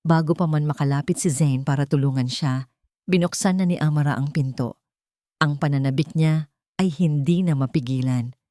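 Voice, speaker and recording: A woman narrates a dramatic scripted story for an audiobook in a low, warm voice, measured and suspenseful. The recording is dry and close, with no echo or room sound.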